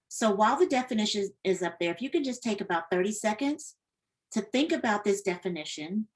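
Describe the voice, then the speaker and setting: A woman facilitating an online training session, giving gentle, guiding instructions over a video call. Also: medium pitch, low-quality recording. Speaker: workshop facilitator.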